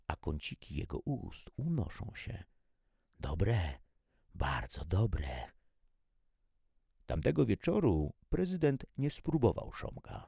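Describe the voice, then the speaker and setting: A man narrating a story in an expressive, animated reading style. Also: deep voice, creaky, slightly rough, no room sound, clean studio sound.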